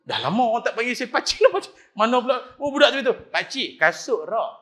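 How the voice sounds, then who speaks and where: Lively Kedah-accented Malay preacher. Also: male voice, very high voice, very fast, reverberant. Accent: northern Malaysian Malay (Kedah). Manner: animated, jokey, acts out voices in his stories. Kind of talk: lively mosque lecture with storytelling. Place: mosque.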